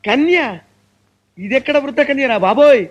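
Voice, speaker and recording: An actor playing a superstitious priest in a comic film scene, given to melodramatic wailing and despair. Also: male voice, extremely high pitch, normal speed, dull audio. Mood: indignant. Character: superstitious middle-aged male priest, easily panicked.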